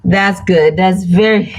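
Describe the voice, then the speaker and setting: A woman hosting a live stream, reading oracle cards aloud and chatting softly with viewers by name. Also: medium pitch, husky, rough recording. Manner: slow, soothing, chats with viewers by name. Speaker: card reader and live stream host.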